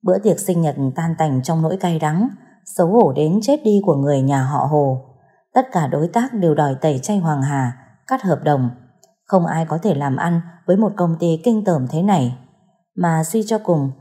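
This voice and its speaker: Low, mellow woman narrating a story. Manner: steady, dramatic storytelling. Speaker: audiobook narrator. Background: soft background music.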